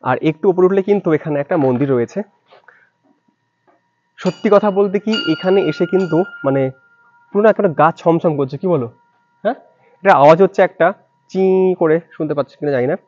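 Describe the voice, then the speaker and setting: A man's voice: a little high, brisk, long pauses, a little mellow, lo-fi sound. Give me a man vlogging outdoors on a wooded hill, chatting to viewers while his voice echoes strongly around him. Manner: chatty, addressing viewers directly. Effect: strong echo around his voice. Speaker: travel vlogger. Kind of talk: casual travel vlog.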